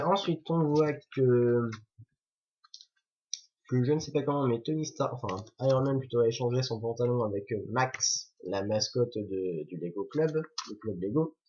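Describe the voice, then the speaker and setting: A man with a slightly mellow, medium-pitched voice reviews a toy set in a chatty, jokey manner, correcting himself as he offers casual commentary while building. The recording is dull and lo-fi.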